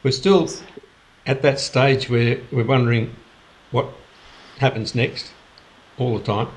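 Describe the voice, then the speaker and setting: A man hosting a spiritual gathering over a video call, speaking in an unhurried, halting way with restarts. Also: mid-range voice, steady tone. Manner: unhurried, halting, with many restarts and soft laughs. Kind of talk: casual reflective talk on a video call.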